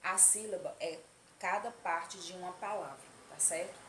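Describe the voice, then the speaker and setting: An affectionate Brazilian woman teaches young children in a casual video lesson and keeps checking that they follow. Her voice sits a little low. The room is echoey, with a faint hum of noise behind her. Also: moderate pace, fairly bright tone. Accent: Brazilian Portuguese. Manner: affectionate, checks in often with "tá certo?". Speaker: primary school teacher.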